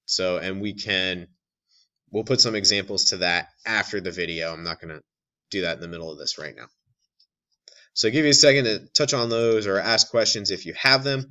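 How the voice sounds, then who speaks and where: A male instructor gives a recorded lecture and explains his points patiently, often restarting his sentences. His voice sits a little low and sounds bright and forceful. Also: moderate pace. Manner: explanatory, many restarts and fillers.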